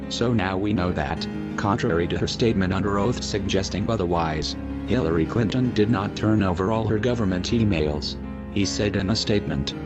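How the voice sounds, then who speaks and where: Give me a man with a disguised, deep voice reading steadily over clear background music. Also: moderate pace, muffled recording. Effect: disguised deep voice changer. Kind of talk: scripted reading of a news report.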